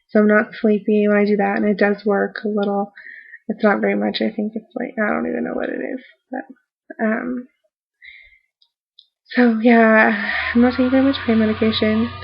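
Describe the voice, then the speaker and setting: Woman, post-surgery fatigue, husky, creaky, rambling casual diary, hesitant phrasing, slightly lo-fi audio. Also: mid-range voice, level tone. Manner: halting, trailing off mid-thought. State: tired and sore after recent surgery. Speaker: vlogger giving a post-surgery update.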